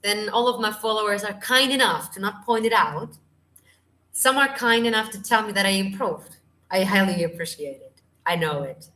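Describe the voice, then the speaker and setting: A woman's voice: mid-range voice, moderate pace, bright, forceful tone. A woman vocal coach, tired, chatting through a live Q&A and hunting for English words. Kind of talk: live stream Q&A. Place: home.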